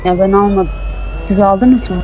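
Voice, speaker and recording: A woman's voice: medium pitch, normal speed, muffled recording, music in the background. A woman chatting and complaining with friends over a headset during a game. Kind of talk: casual gaming chat with friends.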